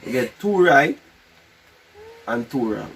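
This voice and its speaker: A man's voice: medium pitch, very animated, slow pace, fairly bright tone, slightly rough, rough recording. A man with a Jamaican accent chatting playfully in Patois as co-host of a casual challenge video. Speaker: vlog co-host. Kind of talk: casual chat during a couple's challenge game.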